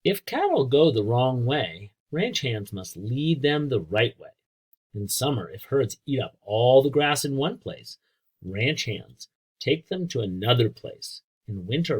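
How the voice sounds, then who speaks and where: The audio is poor, but this husky American man comes across as a teacher reading aloud to young children, pausing for asides and questions. He speaks slowly, his pitch moving in a lively way, and keeps his explanations simple while addressing the kids directly.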